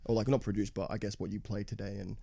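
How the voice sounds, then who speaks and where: A man's voice: on the low side, level tone, quick pace, vocal fry, warm tone, slightly rough, no echo. A man hosting a casual podcast interview, talking with many hesitant "sort of" fillers. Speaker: podcast host.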